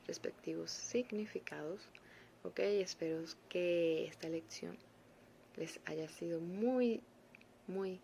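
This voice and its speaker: A woman teaches French in a relaxed, unhurried way, with a slightly low and gravelly voice. She explains patiently and drops in playful little asides. A faint hiss of noise sits under the recording. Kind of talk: casual online language lesson.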